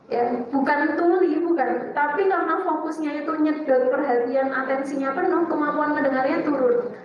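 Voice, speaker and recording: High-voiced woman teaching in an echoey hall. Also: moderate pace. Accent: Javanese-tinged Indonesian. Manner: lively, asks and answers her own questions, playful. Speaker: Islamic teacher and psychologist. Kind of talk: religious study talk to women. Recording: echoey hall, distant dull mic.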